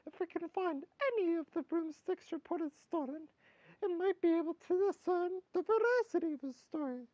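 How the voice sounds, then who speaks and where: A man voicing a tiny, clever old male wizard professor in a squeaky, precise, analytical manner, recorded with a dull lo-fi sound. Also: normal speed, a little mellow, no room sound. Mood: reasoning.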